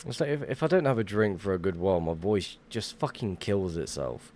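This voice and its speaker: Greeting viewers during a game livestream, this young man rambles casually and drops the occasional swear word. He sounds low-pitched, animated, and a little mellow, speaking slightly fast over faint background noise.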